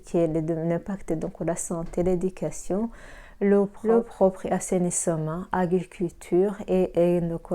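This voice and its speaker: A woman's voice: fairly low pitch, mellow. A woman from Rwanda giving a prepared presentation, reading steadily with occasional hesitant fillers. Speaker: pharmacy assistant and network marketer.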